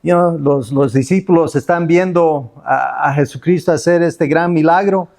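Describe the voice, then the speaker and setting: A man's voice: fairly high pitch, normal speed, creaky, a little mellow. A man preaching a sermon as pastor, talking freely frequent restarts and fillers like "you know" and "right". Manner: unscripted preaching, many restarts, slips into English fillers.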